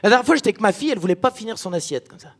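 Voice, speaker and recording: A man from France performs stand-up with a high voice. He talks chattily and speaks straight to the audience. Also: lively intonation, racing, a bit bright. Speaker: stand-up comedian. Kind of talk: stand-up comedy.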